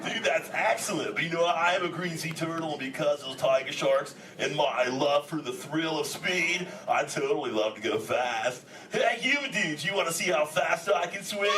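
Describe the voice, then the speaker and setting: A man's voice: fairly high pitch, normal speed, lightly acted. A man voicing a laid-back male green sea turtle who talks like a surfer and says "dude" constantly, joking with a live audience. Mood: excited. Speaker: live character performer talking with an audience. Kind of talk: improvised live audience interaction. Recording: echoey venue from a distance, audience chatter. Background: audience chatter and crowd noise.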